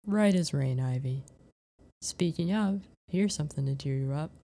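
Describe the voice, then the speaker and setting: Woman voicing a gentle young farmer man. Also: low voice, moderate pace, vocal fry. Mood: cheerful.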